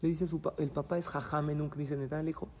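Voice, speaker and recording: A man's voice: fairly high pitch, flat delivery, rapid-fire, darkish tone. A man, a rabbi giving a religious class and telling stories dramatically, with Hebrew terms mixed in. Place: synagogue hall. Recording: long hall reverb.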